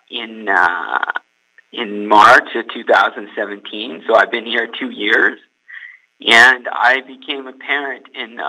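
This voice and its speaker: A young Californian man appears as a guest in a casual podcast interview, speaking hesitantly and repeating words. His voice is medium in pitch, bright and forceful. The recording quality is low.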